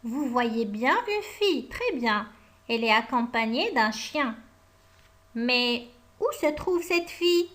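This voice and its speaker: A woman teaching a French lesson to young pupils, dictating words deliberately and asking questions that she answers herself. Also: fairly high pitch, expressive, fairly bright tone. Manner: slow, deliberate, dictation-like delivery; asks questions then answers them herself. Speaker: primary school French teacher.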